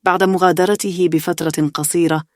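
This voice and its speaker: Woman reading a bedtime story, lowish steady soothing voice, dry close mic. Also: brisk, no room sound. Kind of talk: calm bedtime story narration.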